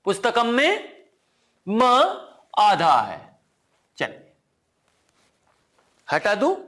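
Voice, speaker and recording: Man, hindi accent, sanskrit teacher, high voice, slow deliberate pace, quizzes class by repeating words. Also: wildly swooping pitch. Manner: asks the class "ठीक है ना?" again and again; drops to a low, quiet voice at times. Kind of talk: online exam-prep lesson.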